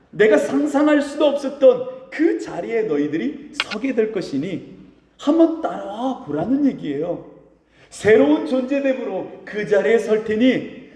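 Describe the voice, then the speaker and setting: A man's voice: high voice, darkish tone. A male pastor preaching a sermon emphatically, acting out short lines of dialogue from the scripture stories. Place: church sanctuary. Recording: roomy church hall with long reverb.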